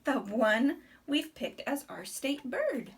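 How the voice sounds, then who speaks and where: In a very noisy recording, a woman with a high voice reads a rhyming picture book to a small child. She reads expressively and deliberately, storybook-style, with chatty asides.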